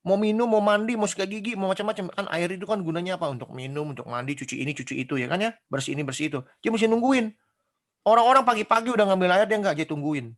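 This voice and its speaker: A man's voice: sits high, quick pace, fairly bright tone. A man giving a casual sermon in speech, chatty and conversational, full of rhetorical questions and acted-out quotes. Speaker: preacher.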